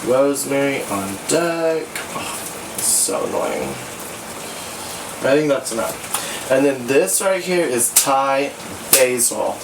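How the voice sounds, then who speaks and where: A man's voice: medium pitch, expressive, slow, long pauses. A tipsy, giggly American man in his twenties, sassy and sweary, giving casual cooking commentary to a camera a few feet away. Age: 20s. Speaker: host of a home cooking show. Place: small cluttered home kitchen. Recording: echoey kitchen, distant mic, pan noise. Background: sizzling pan and clattering utensils.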